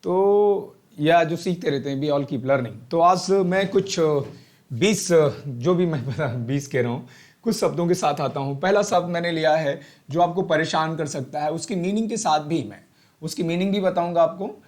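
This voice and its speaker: A man teaching English vocabulary for exam preparation, mixing Hindi and English, slowing down on English phrases, with an Indian English accent and many fillers. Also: fairly high pitch, darkish tone. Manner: Hindi-English code-switching, slow deliberate English phrases, frequent fillers. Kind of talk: spontaneous classroom-style lesson.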